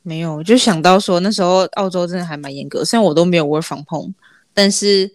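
A woman's voice: on the low side, brisk, no room sound, clean studio sound. A young woman with a Taiwanese accent chats casually as a podcast co-host, telling anecdotes and acting out the dialogue. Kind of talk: casual chat, storytelling.

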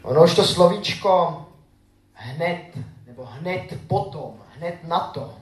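A man with a high voice preaches a sermon. He reads scripture aloud and asks his listeners questions. The recording carries the echo of a large room. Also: lively intonation. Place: church hall. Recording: echoey church room.

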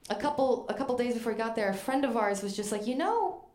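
A woman's voice: fairly high pitch, quick pace, darkish tone, echoey room. A woman telling a self-deprecating comic story on stage, acting out other people's voices. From Maine. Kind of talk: live comedic storytelling.

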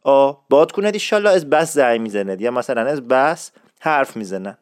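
Male podcast host, fairly high voice, slow repetitive teaching, friendly. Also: dry recording, studio quality. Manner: explains slowly, repeating words for practice; friendly, chatty sign-off. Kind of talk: casual spoken lesson.

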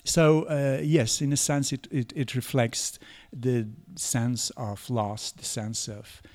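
Guy, scholar in an interview, mellow voice, kinda halting and careful. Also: mid-range voice, steady tone. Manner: halting, deliberate, searching for words. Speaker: interview guest, historian.

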